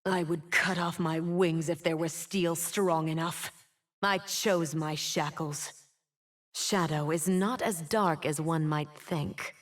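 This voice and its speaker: An actress with a deep voice and fairly even intonation performs scripted video game lines for a proud, wounded, immortal winged woman. Her delivery is slow, solemn and dramatic, full of wounded defiance.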